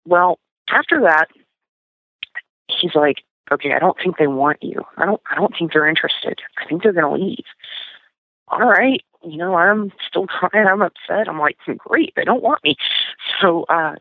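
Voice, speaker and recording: A woman's voice: lowish voice, normal speed, no echo. A woman casually recounting a personal experience as a guest, talking with many fillers and restarts. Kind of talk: casual storytelling. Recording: tinny phone line, dry.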